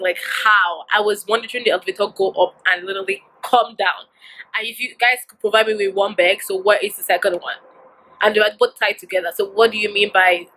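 A young woman vlogger retelling a stressful robbery story in an emotional, animated way, with many asides. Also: medium pitch, poor audio. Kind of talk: storytime vlog.

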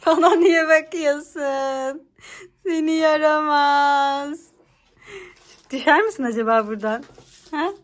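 A high-pitched woman hosts a casual family vlog, playfully teasing her younger siblings as she runs a game. She laughs often and stretches out her game calls. Her tone stays light and chatty throughout. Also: slow, pauses often.

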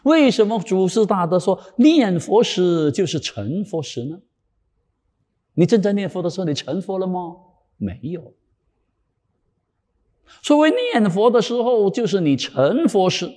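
A man with a raspy, cracked voice giving a Buddhist sermon, swinging from loud emphatic lines to hushed whispered asides. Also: high-pitched, sing-song, unhurried. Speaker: Buddhist dharma teacher. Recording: long hall reverb.

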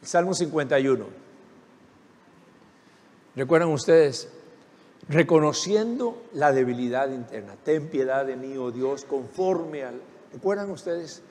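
A man's voice: medium pitch, lively intonation, a little slow, long pauses, darkish tone, big-room sound. A man preaching a sermon as pastor. He asks rhetorical questions and calls on the congregation to repeat after him.

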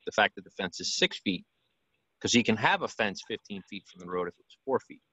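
Man, town official, low voice, dry muffled audio, measured. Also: lively intonation, bright, forceful tone, breathy edge, no echo. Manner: measured, corrective explaining. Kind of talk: video call meeting.

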